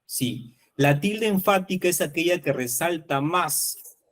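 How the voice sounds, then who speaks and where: A man's voice: on the high side, animated, slow pace, fairly bright tone. Man lecturing over a video call. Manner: explains patiently, often asks the class for agreement. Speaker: teacher. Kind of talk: online workshop lecture.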